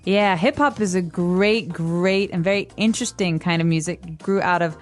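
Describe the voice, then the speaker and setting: American woman explaining simply, low voice. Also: faint music behind. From United States. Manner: explains slowly and simply for learners. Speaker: podcast co-host. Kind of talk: casual English-lesson podcast chat.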